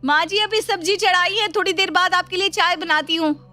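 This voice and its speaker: A woman's voice: very high voice, fairly even intonation, fairly quick, pushed and bright, faint music behind, pitched above the performer's own voice. A woman voicing a young daughter-in-law who answers back firmly and argues, in a cartoon story. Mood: argumentative. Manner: firm, argumentative.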